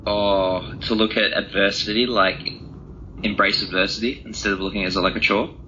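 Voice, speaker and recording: Over dull, lo-fi audio with a little hiss or hum, a young author and speaker answers interview questions in a lowish, fairly even voice that's brisk and sharp in tone. He is casual and reflective, working through his thoughts out loud in informal terms.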